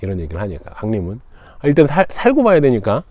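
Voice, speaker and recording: Relaxed man retelling a folktale outdoors. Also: on the low side, quick pace, no room sound. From Jeju. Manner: relaxed, conversational, frequent fillers. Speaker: channel host.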